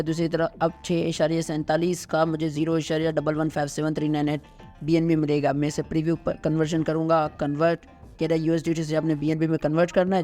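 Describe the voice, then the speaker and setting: A man's voice: on the high side, darkish tone. A man with a Pakistani Urdu accent, walking viewers through a screen tutorial step by step and checking in often. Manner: step-by-step instructing, frequent "theek hai" check-ins. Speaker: host of a crypto tutorial. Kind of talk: screen-recorded tutorial walkthrough.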